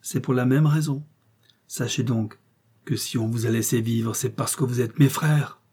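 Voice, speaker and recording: A man voicing a rough, defiant male master criminal with a coarse, jeering way of talking, in an audiobook reading. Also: medium pitch, steady tone, moderate pace, dark tone, natural voice. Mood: taunting. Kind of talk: audiobook character voice.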